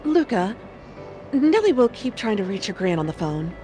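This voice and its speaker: A woman voicing a motherly adult woman who fusses over children, loud and brisk. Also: mid-range voice, very animated, soft background music, close to an everyday voice. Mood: urgent.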